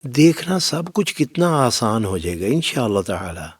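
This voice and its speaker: A man's voice: mid-range voice, big pitch swings, breathy edge, recorded from a distance. A man teaching Quran recitation in a spoken lesson, talking to his students in a fatherly way and giving firm step-by-step instructions. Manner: fatherly, addresses listeners as "my son".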